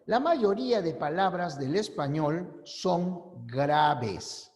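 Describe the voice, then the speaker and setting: A male teacher delivers a recorded class lecture at an unhurried pace. His fairly high voice swings widely as he stresses and repeats each rule. The sound carries the long, echoey reverb of a large room. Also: darkish tone. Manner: slow, emphatic, repeats key rules. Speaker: language teacher.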